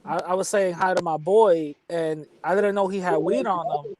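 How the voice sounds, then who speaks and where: A man's voice: high voice, moderate pace, a little mellow, poor audio. A man with a New York accent telling candid street stories in casual chat, often restarting his sentences.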